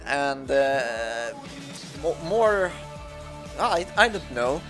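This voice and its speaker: Over music, a young Swedish man whose first language is Swedish, a gaming YouTuber, gives casual commentary on a game in a Swedish accent, hesitating with many fillers and restarts. His medium-pitched voice is sing-song and extremely slow.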